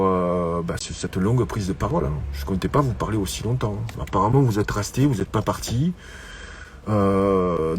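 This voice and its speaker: Man, low voice, rambling colloquial monologue, repeats and stumbles, faint room hum. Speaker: online show host. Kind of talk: casual solo monologue to viewers.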